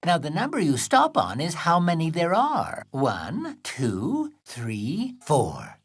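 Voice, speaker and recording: A man's voice: a little high, huge pitch swings, slow, breathy edge, full character voice. A man voicing a fussy but patient grown-up rabbit in a children's cartoon, speaking in a precise, instructive and exclaiming way. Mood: instructive, pleased. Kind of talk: animated children's cartoon acting. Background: music.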